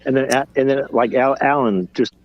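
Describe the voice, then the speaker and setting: A man in his fifties in a casual chat, rambling and halting, often restarting his sentences. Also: medium pitch, soft background music. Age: 50s. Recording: dull lo-fi audio.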